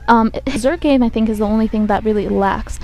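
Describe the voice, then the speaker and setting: A woman with a croaky voice from a cold gives hesitant esports commentary, thinking aloud as she goes. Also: on the high side, fairly quick, warm tone. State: has a cold. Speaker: game commentator. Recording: buzzy microphone.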